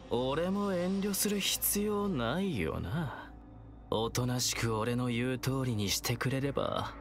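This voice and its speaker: An actor voices a young male video game villain who is taunting, playful, and menacing, stretching out his words in a theatrical, teasing way. His pitch is medium, and the mood is one of quiet menace.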